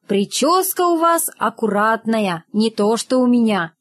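A woman voicing a cheeky, lazy schoolboy who flatters his teacher in a wheedling, drawn-out way. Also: fairly high pitch.

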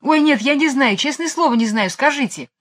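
Woman reader playing an eager young boy, high and loud. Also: expressive, a little fast, dry recording, studio quality. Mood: pleading. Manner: eager shouting.

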